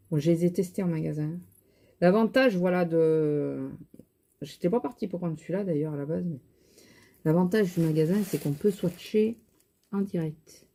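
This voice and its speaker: A woman's voice: lowish voice, mellow. A woman with a regional French accent, chatting casually to camera about her shopping haul and makeup, rambling with many fillers and sounding tired.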